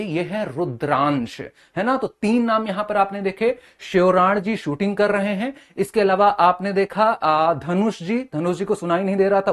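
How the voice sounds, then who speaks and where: A young male teacher giving an exam-prep lecture, building memory tricks and checking in with short questions. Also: sits high. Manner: mnemonic-heavy, keeps asking "है ना?" and "ठीक है?".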